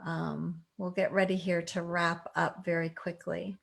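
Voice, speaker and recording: A woman's voice: fairly low pitch, flat delivery, a little slow, gravelly. A woman moderates a candidate forum over a video call. She keeps things friendly and informal as she thanks the speakers.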